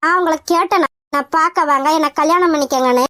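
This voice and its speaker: A woman's voice: sits high, fast talker, sharp tone, no echo, studio quality. A woman voicing a young widowed doctor in a cartoon, speaking earnestly and defiantly. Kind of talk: cartoon voice acting.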